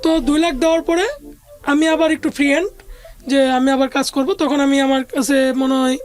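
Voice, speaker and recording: This woman, an interview guest with a Bangladeshi accent, tells a story from her life in a high, level, slightly mellow voice at a moderate pace. She keeps to casual Bengali with sporadic English business words, and music sits beneath the speech.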